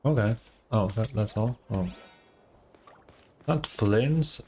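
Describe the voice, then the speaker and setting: A game streamer gives casual, slangy commentary on his gameplay, reacting aloud with some hesitation. His voice is on the low side, slow-paced and a little mellow. Game music plays behind him.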